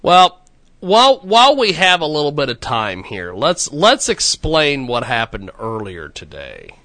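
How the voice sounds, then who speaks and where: Bright, animated male stream host. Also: on the high side, unhurried, dry recording. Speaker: show host. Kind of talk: casual live stream chat.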